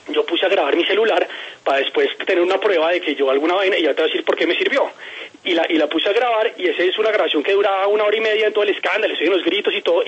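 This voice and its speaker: A man's voice: high-pitched, a bit bright, slightly rough, dull audio. A man telling a personal story in an interview, emphatic and repeating words as he quotes people.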